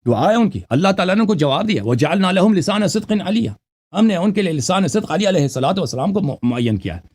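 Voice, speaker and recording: A man's voice: high voice, big pitch swings, darkish tone. A man hosting a call-in religious debate, cutting the caller off and reciting scripture aloud. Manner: interrupts often, commanding, reads scripture aloud in Arabic. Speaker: call-in show host.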